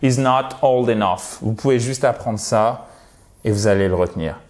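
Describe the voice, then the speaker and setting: A man with a French accent giving an online English lesson, explaining grammar in a lively teaching manner and slowing down to model example phrases. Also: lowish voice.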